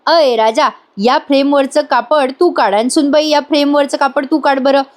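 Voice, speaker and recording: A woman gives a jolly old grandfather, playful and bossy, who builds up a surprise. His voice sits high. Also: normal speed, close to an everyday voice.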